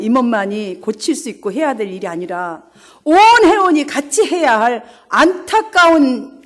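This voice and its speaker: A woman pastor delivering an emphatic sermon in a church, telling stories and laughing now and then. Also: high voice. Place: church sanctuary.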